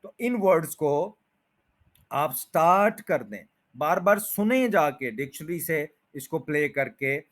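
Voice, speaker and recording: Man, pronunciation teacher, fairly high voice, slow patient repetition, stretched stressed syllables. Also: animated. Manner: repeats each word slowly, stretching out stressed syllables; explains patiently and step by step. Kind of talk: spoken lesson.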